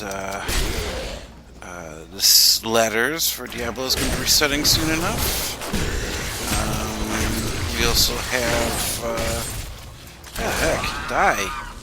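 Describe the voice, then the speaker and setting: A man with a lowish, gravelly voice chats loosely while he plays, rambling and poking fun at himself. The audio is a noisy home stream capture with background hiss under his voice. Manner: rambling, self-deprecating, chatty with pauses. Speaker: gameplay streamer. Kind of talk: casual live-stream commentary.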